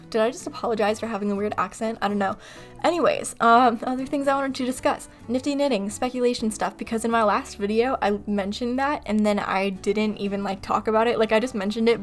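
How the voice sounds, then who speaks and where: Casual voice-over creator: a woman from California, rambly and self-mocking, pitched a little high, faint music underneath. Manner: rambling, chatty, quick to laugh at herself. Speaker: video creator. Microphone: desktop mic on computer recording software.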